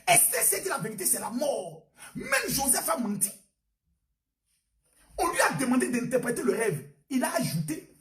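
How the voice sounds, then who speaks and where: Man, comic sermon, very high voice, roomy echo. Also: normal speed, long pauses. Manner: theatrical, shouting refrains, animated. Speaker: preacher. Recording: roomy, distant mic.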